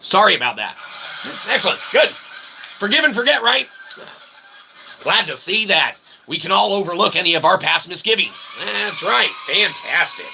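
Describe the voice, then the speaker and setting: A solo streamer and channel host, a man with a rather high, gravelly voice, rambles through a comic, mock-philosophical monologue at a normal speed with big swings in pitch. His pompous, wordy phrasing is broken up by crude language, and he punctuates his statements with short tag questions. The recording is clearly noisy, with ambient background sound.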